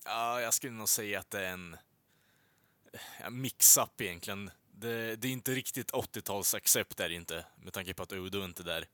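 Bright-voiced man rambling. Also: fairly low pitch, no room sound. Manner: rambling, many filler sounds, swears casually. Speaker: podcast co-host reviewing films and music. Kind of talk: casual chat.

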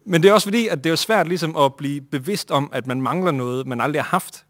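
A man telling a comic story to a live audience in an animated way, acting out the people in it. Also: fairly high pitch, no echo, clean studio sound.

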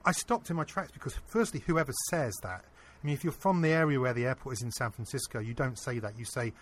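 A man being interviewed, earnestly telling a personal anecdote in a casual, animated way. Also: medium pitch, fast. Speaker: interview guest. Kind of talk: casual storytelling.

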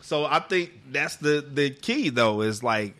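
Male podcast co-host, bright voice, opinionated, rambles and curses. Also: fairly high pitch, expressive, unhurried. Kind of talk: casual chat.

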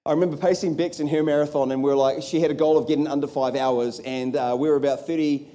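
Speaking quickly in a mellow, slightly high voice with fairly even intonation, a pastor from New Zealand gives a chatty sermon. In the church hall he restarts sentences and throws rhetorical questions at the congregation, using a handheld or stage microphone.

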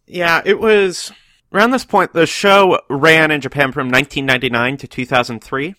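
A man's voice: a little high, normal speed, bright, forceful tone, no room sound. A man hosting a casual podcast, explaining facts with small restarts. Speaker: podcast host.

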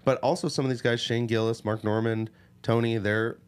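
A man's voice: mid-range voice, moderate pace, clear, resonant tone. A man hosting a podcast, chatting casually and acting out the people in his stories. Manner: animated storyteller, acts out quoted people. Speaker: podcast host. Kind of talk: casual chat.

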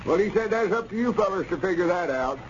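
An actor playing a slow-witted, easygoing country youth with a rural Southern US accent and hayseed grammar in an old radio comedy serial. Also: male voice, high voice, animated. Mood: unconcerned. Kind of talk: 1930s-40s radio comedy serial acting. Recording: muffled, noisy old radio recording.

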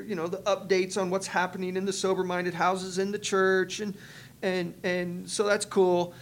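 A man co-hosting a faith podcast, telling a story in casual chat, animated and acting out what people said, with many restarts. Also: high voice, a little hiss or hum. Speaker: podcast co-host, church multiplication leader.

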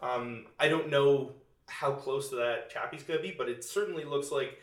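A man's voice: mid-range voice, moderate pace. Chatty man in an echoey room. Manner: chatty, laughs often, many fillers. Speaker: podcast co-host. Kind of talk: casual chat about movies. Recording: roomy echo, distant mic.

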